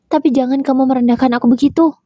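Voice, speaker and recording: A woman reads the part of a proud, irritable husband in a spoken domestic story, snapping back in short, resentful retorts. The voice is soft and breathy, set a little high. The sound is dry and close. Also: steady tone, fast, dry recording. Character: defensive, irritable jobless husband, adult man.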